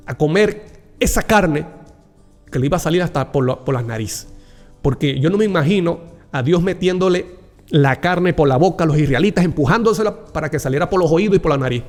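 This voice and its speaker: A man's voice: high voice, a little mellow. A man preaching a Bible reflection, earnest and personal, calling the listener dear brother. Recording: long hall reverb with faint music behind.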